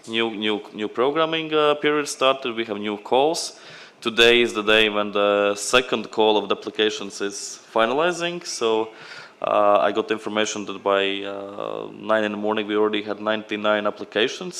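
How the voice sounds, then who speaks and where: Lower-voiced man. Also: fairly bright tone. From Latvia. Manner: loose, unscripted delivery. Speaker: program representative at a conference. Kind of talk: conference presentation.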